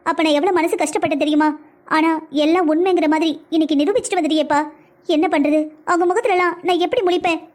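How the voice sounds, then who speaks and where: A middle-aged mother defends her son in this cartoon household, voiced by a woman. Her high voice rushes along, reproachful and emotional. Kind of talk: cartoon family drama acting.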